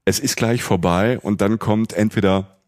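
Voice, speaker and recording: A podcast co-host from the Palatinate region of Germany tells a rambling, chatty travel story full of fillers. His voice is fairly low and a little mellow at normal speed, recorded in clean studio sound with no echo.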